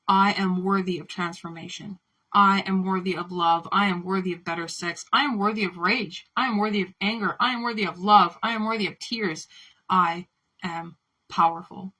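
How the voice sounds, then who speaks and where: A spiritual speaker gives an impassioned monologue, fiery and full of swearing, building repeated affirmations that sound like a chant. Her mid-range voice is pushed and bright, and the audio quality is poor.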